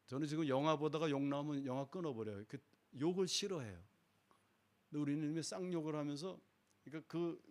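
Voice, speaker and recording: A middle-aged man giving a sermon testimony in a church, acting out the voices of the people in his story. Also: a little high. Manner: dramatic storyteller, acts out quoted voices. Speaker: guest speaker giving testimony. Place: church sanctuary.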